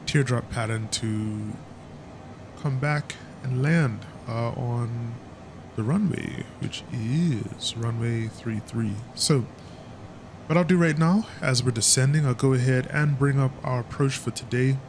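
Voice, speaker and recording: A man's voice: medium pitch, takes it slowly, a little hiss or hum. A man giving casual, chatty commentary over a flight simulator session, stumbling now and then with fillers. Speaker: flight sim YouTuber.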